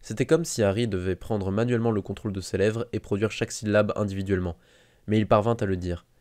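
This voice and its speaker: A man narrating a fan audiobook in a steady, measured reading. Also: on the low side, dry recording, studio quality. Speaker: audiobook reader.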